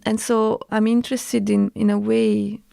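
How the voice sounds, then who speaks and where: A woman from Italy with an Italian accent, a guest artist talking thoughtfully with many pauses and restarts. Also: a little high, flat delivery, creaky, mellow, no room sound, studio quality. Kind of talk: casual discussion.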